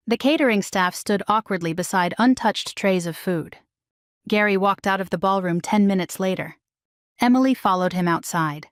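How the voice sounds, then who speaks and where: A middle-aged woman narrating a first-person story in a calm, measured way. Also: mid-range voice, dry recording, clean studio sound. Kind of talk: scripted narration.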